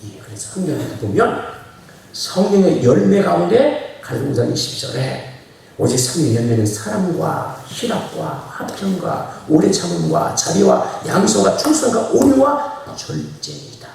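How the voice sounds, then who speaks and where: A male pastor preaching a sermon in a church, chatty and folksy, laughing often and swinging from quiet asides to shouted exhortation. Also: a little high, big pitch swings, normal speed, vocal fry. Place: church sanctuary. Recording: very echoey church hall, preacher heard from far off.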